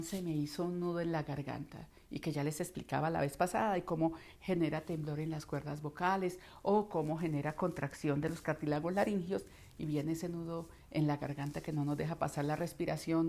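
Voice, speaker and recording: Middle-aged Colombian female voice coach, low-set voice, lively teaching delivery. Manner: expressive, acts out voices in anecdotes. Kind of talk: instructional talk.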